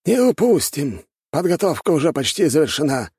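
A cunning old elder , put on by a male narrator, speaks in a high, husky, drawn-out voice. He is sly and measured and sounds sure of his schemes. The audiobook recording is dry. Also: sing-song, darkish tone, no room sound, full character voice. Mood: scheming.

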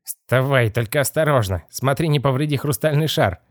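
A man voicing an older, irritable and puffing male gang leader in an audiobook, gruff and bossy. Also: mid-range voice, animated, a little fast, dry recording, clean studio sound, pitched above the performer's own voice, natural voice. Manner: gruff, bossy, easily annoyed. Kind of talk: audiobook character voice.

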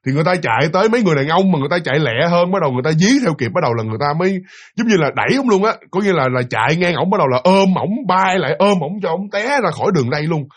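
A man narrating a ghost story in an animated, dramatic way, speaking directly to his listeners. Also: fairly high pitch, racing.

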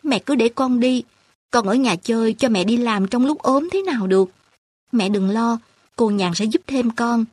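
A woman voicing an earnest, determined young woman student who talks her elders round, with a husky voice. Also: a little high, lively intonation, moderate pace, dry recording, clean studio sound, voice pushed up. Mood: pleading. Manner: earnest and insistent.

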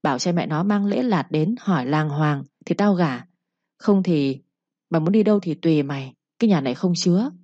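Ông Thản rages at home, harsh and scolding, a mellow warm tone on a dull lo-fi recording, as a woman narrator acts him out. He is an angry strict village father, middle-aged and quick to shout. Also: deep voice, dry recording. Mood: furious.

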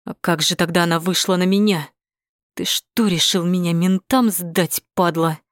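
A woman's voice: fairly low pitch, steady tone, moderate pace, no echo, clean studio sound, close to an everyday voice. A woman voicing a menacing, coarse male hitman who hisses threats. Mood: furious. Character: menacing male hitman thug, hissing, crude.

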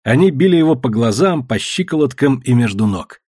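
Husky guy reading an audiobook, lively up and down delivery, dry close sound. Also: mid-range voice, brisk, no echo. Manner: dramatic, expressive reading. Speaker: narrator. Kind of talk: audiobook narration.

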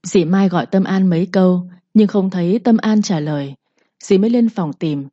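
A woman's voice: lowish voice, moderate pace, mellow, no echo, highs cut off. A woman narrating a dramatic audio story, voicing every character herself with little change.

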